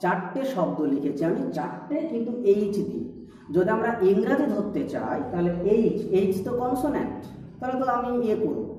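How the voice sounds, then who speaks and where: A man's voice: high-pitched, very animated, fairly quick, warm tone. A man teaching a lesson, patiently repeating key points and asking his students rhetorical questions. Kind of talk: explaining a lesson. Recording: echoey, distant, dull-sounding room recording.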